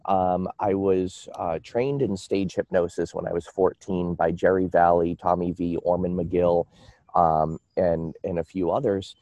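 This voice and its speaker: An American man, a guest in an interview, casually tells personal stories in a halting, rambling manner, frequently repeating words. His voice sits low with a steady, dark tone, and there's no echo.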